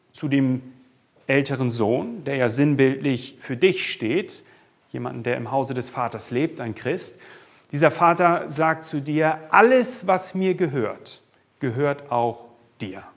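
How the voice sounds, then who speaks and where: A man preaching a sermon as pastor, speaking directly to the congregation with rhetorical questions and the occasional hesitant "uh". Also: medium pitch.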